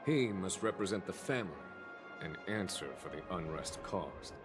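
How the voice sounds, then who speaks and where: A man playing a composed, courteous general in an anime game, speaking in a measured, formal way. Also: deep voice, animated. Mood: grave. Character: composed, courteous male general, calm and authoritative. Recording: game music behind the voice.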